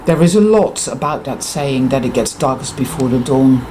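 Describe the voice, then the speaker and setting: A native Dutch speaker with a Dutch accent, a spiritual vlogger, delivers an intense, profane and emphatic monologue to viewers, repeating words for emphasis. The voice is mid-range and animated at normal speed, against a noisy background.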